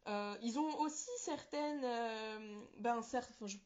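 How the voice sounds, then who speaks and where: A woman's voice: fairly high pitch, takes it slowly, darkish tone. A woman from New Caledonia answers interview questions casually, searching for words and correcting herself. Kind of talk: casual interview answers about personal experience.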